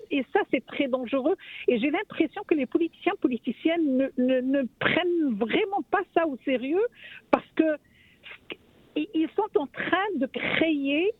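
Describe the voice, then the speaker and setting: A woman's voice: high-pitched, dry recording. A woman from Morocco, a radio guest speaking with passion, often repeating words as she searches for the next one. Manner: impassioned, repeats words while searching, rhetorical questions. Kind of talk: radio discussion. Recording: dry, phone-like line.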